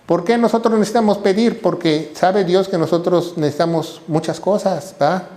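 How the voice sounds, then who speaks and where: A man's voice: high voice, moderate pace, warm tone. A man preaching a sermon as pastor, asking rhetorical questions and checking in with "¿verdad?". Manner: acts out quoted voices.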